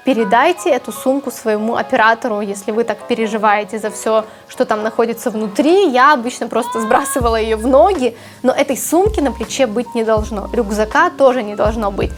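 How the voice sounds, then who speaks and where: A native Ukrainian speaker from Ukraine, a woman with a slightly high voice, works as a journalist and gives career advice in an explanatory vlog. She speaks articulately and emphatically.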